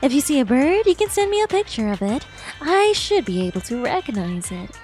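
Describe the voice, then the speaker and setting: A woman game streamer with a high voice speaks fairly quickly and with very lively intonation. She's playful and expressive, using cutesy exclamations as she alternates between reading game text aloud and reacting, while soft music plays behind her.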